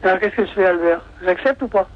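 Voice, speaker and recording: A woman's voice: mid-range voice, fast, noisy background. A woman answering a prank call, hesitant and flustered as she objects. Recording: muffled phone line.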